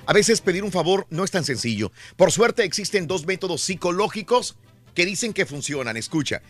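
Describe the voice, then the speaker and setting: A morning radio host with a slightly raised voice announces the time and the next segment in a brisk way. A little music plays softly behind him. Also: male voice, sits high, big pitch swings.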